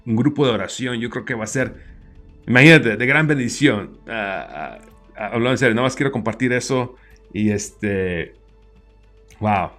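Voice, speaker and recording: Male host, hesitant casual remarks, average pitch, low music bed. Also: moderate pace, fairly bright tone. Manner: hesitant, stammering asides. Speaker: interview host. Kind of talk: casual interview chat.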